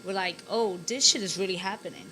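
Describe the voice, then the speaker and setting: A woman co-hosting a podcast in casual chat, animated and loose with slang, quick to laugh. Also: mid-range voice, a little hiss or hum, rough recording. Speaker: podcast co-host. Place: graffiti-walled studio, indoors.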